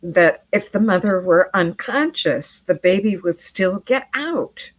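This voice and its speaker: A woman's voice: medium pitch, animated, takes it slowly, no room sound. A middle-aged woman, a midwife and interview guest, telling a story earnestly and often repeating words as she goes.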